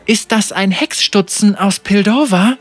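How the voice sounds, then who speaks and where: High teasing pirate lady, cold and merciless, a guy doing her voice in an audiobook, faint music under it. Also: a little slow, no room sound. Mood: coolly mocking. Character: cool, mocking female pirate bounty hunter.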